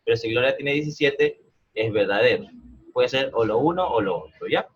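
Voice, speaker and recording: A man with a husky, medium-pitched voice teaches math online via video call at a normal speed, with the highs cut off. He explains patiently and keeps asking "¿no?" and "¿verdad?" to make sure students understand.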